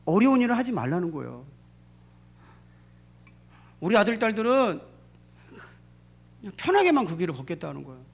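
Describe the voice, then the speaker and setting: A middle-aged man preaching with a high voice that swoops up and down. He is emphatic and keeps repeating key phrases. He keeps asking the congregation rhetorical questions. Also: very animated, brisk, vocal fry, long pauses, slightly rough. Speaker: pastor. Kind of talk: sermon.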